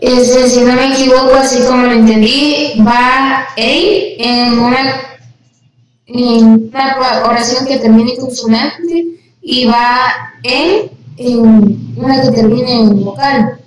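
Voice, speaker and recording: A woman's voice: a little high, slow, slight background noise. A woman student asking a hesitant question in class. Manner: hesitant, tentative. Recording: very echoey, distant from the mic.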